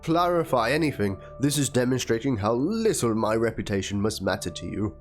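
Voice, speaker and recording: Instrumental music sits under this man's theatrical narration of a written document and chat messages. His mid-range voice moves fairly quickly and swings widely in pitch.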